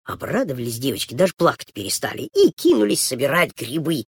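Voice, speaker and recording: Expressive woman reading a children's story. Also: a bass voice, a little fast, husky, no room sound, clean studio sound. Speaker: reader.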